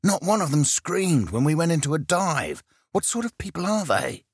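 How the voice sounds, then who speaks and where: A man's voice: fairly low pitch, very animated, slow pace, husky, no room sound, studio quality, heavily acted. Guy doing an angry bush pilot, talking through gritted teeth, voice jumps way up. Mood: exasperated. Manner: clipped, through clenched teeth, rising in exasperation. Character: furious male bush pilot, shaken and indignant.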